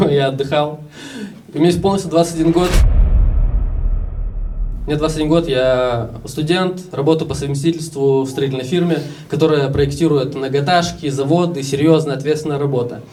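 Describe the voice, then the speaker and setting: A man's voice: on the high side, fairly even intonation, moderate pace, warm tone, distant mic. A young Russian man in his twenties telling stories casually in a stand-up comedy set, acting out the voices of other people. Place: live comedy show with audience.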